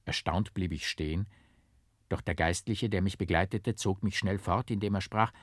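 A man reads a literary novel aloud in a measured, dramatic way, with a lowish voice. The sound is dry and close, with no room echo. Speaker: audiobook narrator. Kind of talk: scripted literary narration.

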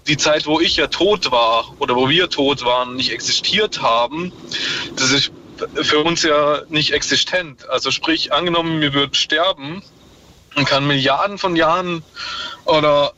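Here a slightly high-voiced man, bright and forceful but measured in pace, rings into a call-in radio program from his moving car. He muses hesitantly with many fillers, and the hands-free speakerphone audio is muffled with faint noise.

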